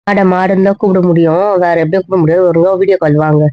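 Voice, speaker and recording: A woman's voice: lowish voice, fairly even intonation, rapid-fire, no room sound. Brief: woman as a bossy, teasing wife, dry dull recording. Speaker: wife in a comedy audio drama. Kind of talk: casual role-play banter.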